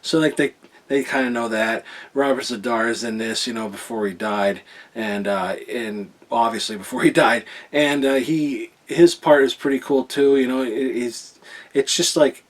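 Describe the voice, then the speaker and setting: A man chatting through a casual video review at an ordinary, middle pitch. He sounds upbeat and keen, with plenty of restarts and repeated phrases. His talk wanders loosely from point to point. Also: moderate pace. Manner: rambling, full of fillers and restarts; enthusiastic, keeps repeating himself. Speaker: horror movie reviewer.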